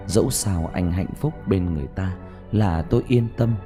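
Low, dark-voiced man narrating mournfully. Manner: emotive, slow and mournful. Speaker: story narrator. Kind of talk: dramatic audiobook narration. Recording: soft music bed behind.

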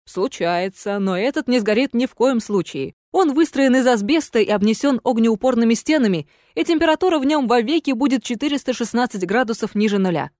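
A woman voicing a calm, mocking young male heir in an audiobook, cool and unhurried. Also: a little high, dry recording, studio quality, natural voice.

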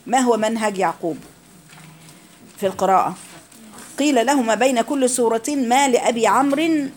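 A woman's voice: on the high side, moderate pace, darkish tone, a little hiss or hum. A woman with an Egyptian accent teaching Quran recitation rules in a classroom lecture, explaining each rule and quizzing her students with questions.

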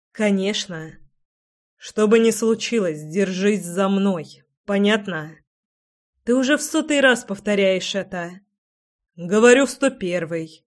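A woman reading a protective young man in an audiobook, calm and firm. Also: mid-range voice, natural voice.

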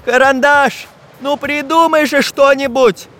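A man's voice: very high voice, fairly bright tone, a little hiss or hum, voice pushed up. Man playing a cheerful iron craftsman. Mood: urgent. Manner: brisk, commanding.

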